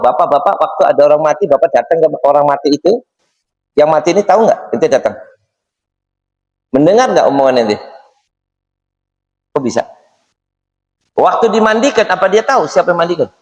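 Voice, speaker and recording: Lively high-voiced preacher, echoey hall. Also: male voice. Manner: lively, questioning the audience in a teasing way. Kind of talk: mosque study sermon. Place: mosque hall. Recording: echoey mosque hall reverb.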